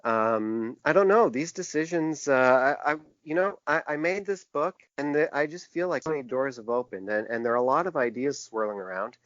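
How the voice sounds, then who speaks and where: Recorded close and dry with no room sound and somewhat dull fidelity, a man with a medium, a bit bright voice talks informally as an interview guest. He is an author and publisher on a podcast, and he pauses thoughtfully, often starting phrases over as he shapes his thoughts.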